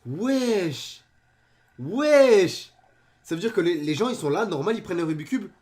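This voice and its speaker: A young man giving excited reaction commentary on videos, joking and exclaiming in disbelief. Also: sits high, very fast.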